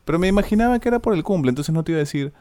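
A man's voice: fairly high pitch, animated, rapid-fire, a little mellow, no echo, studio quality. A man in his forties with a Peruvian Spanish accent, a voice-over announcer chatting casually in a rambling way. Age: 40s. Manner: easygoing, rambling, tags lines with "¿no?". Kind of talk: casual chat.

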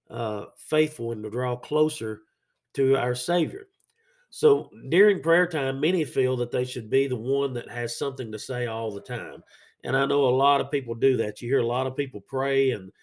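Raspy man with a sinus cold, teaching. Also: mid-range voice, a little mellow. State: under the weather with a sinus infection. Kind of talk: sermon-like devotional teaching.

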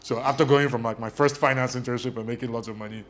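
A man's voice: medium pitch, steady tone, fast talker. A man from Nigeria whose first language is Ijesha, a guest telling his story with lots of ums and a self-deprecating air. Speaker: guest, media company CEO. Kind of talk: casual interview.

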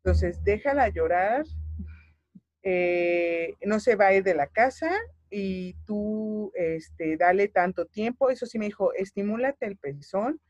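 A woman's voice: mid-range voice, measured pace, dry recording, muffled recording. Mexican woman telling a heartfelt story. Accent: Mexican Spanish. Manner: emotional, animated retelling with quoted voices. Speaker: guest mother. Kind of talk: personal story in conversation.

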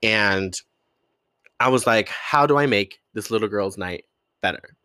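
A man's voice: fairly low pitch, a little slow, bright, forceful tone, smooth, no echo, clean studio sound. A man co-hosting a podcast, telling stories in an enthusiastic, earnest way. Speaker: podcast co-host. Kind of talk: casual storytelling chat.

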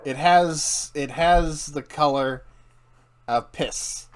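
Higher-voiced man running a tabletop game. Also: extremely slow. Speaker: game master. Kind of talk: casual improvised tabletop game narration.

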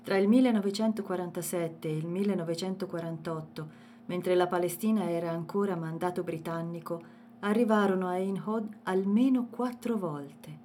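A woman reads a novel aloud in scripted audiobook narration, with a measured, expressive delivery. Her voice sits low, and a faint background hiss runs underneath.

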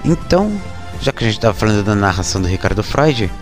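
Low-voiced Brazilian man hosting over music. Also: big pitch swings, quick pace. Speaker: sports show host. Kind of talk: casual football news commentary.

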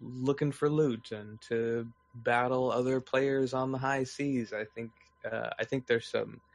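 A man with a gravelly, fry-edged voice talks through his thoughts in a relaxed podcast chat. He speaks in a measured, thoughtful way, often restarting a phrase before settling on it. His pitch sits mid-range for a man. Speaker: podcast co-host. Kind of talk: casual chat.

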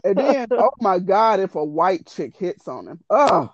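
A woman's voice: mid-range voice, big pitch swings, a little slow, no echo. A woman animatedly retelling a story in casual, profane, exasperated chat. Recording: dull lo-fi dry audio.

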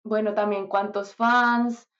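A woman, a guest in a casual interview, speaking softly and hesitantly with many fillers. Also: mid-range voice, little pitch movement, slow pace, dull audio. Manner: soft-spoken, hesitant, fillers.

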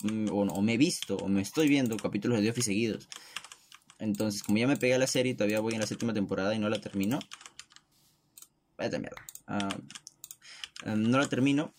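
A man's voice: lowish voice, a little fast, pauses often, darkish tone, a little hiss or hum. A young man hosting his own podcast, rambling casually about his routine, with lots of restarts, swearing and self-deprecating jokes, speaking from the throat. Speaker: podcast host.

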